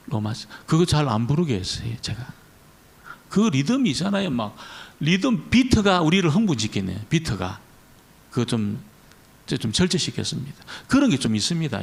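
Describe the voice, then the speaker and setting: Gravelly, lively-voiced male pastor preaching. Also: medium pitch. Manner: conversational preaching, repeats key words. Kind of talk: Friday prayer meeting sermon. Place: church.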